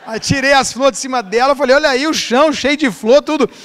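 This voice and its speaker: A man's voice: extremely high pitch, fairly quick. A man, a pastor, preaching a sermon and telling funny stories about his marriage, acting out the dialogue. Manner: animated storyteller, acts out dialogue. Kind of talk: sermon with humorous personal stories. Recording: reverberant hall.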